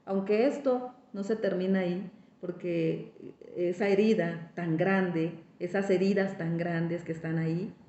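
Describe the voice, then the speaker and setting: A woman's voice: mid-range voice, mellow. Woman giving a spiritual testimony. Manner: emphatic, repeats words, speaks straight to the listeners. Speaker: speaker giving a recovery testimony. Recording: echoey, dull lo-fi sound.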